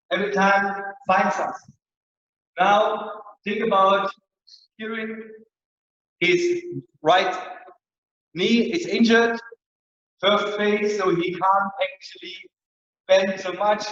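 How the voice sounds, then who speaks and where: A man's voice: high voice, fairly bright tone, a little hiss or hum. A man teaching a rehabilitation therapy workshop online, explaining exercises in plain, simple phrasing, in a heavily echoing room with a dull, lo-fi sound. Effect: heavy echo chamber sound, dull lo-fi tone. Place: indoor rehab center rooms. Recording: very echoey room, muffled lo-fi sound.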